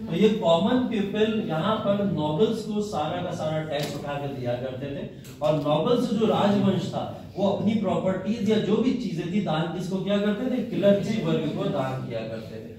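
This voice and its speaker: Guy teaching history in a classroom, asks questions then answers them, mellow voice, really echoey room, mic far away. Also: sits high, animated, normal speed. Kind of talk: classroom lecture.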